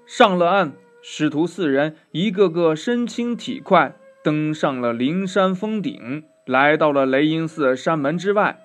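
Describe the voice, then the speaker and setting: A man narrating a children's story in a slow, expressive telling style. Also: fairly high pitch, faint music behind. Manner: slow, expressive, drawn-out "呀" endings.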